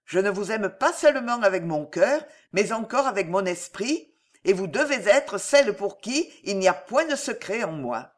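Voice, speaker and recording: A woman's voice: mid-range voice, lively intonation, moderate pace, natural voice. A woman voicing an ardent young nobleman who speaks earnestly, in an audiobook reading.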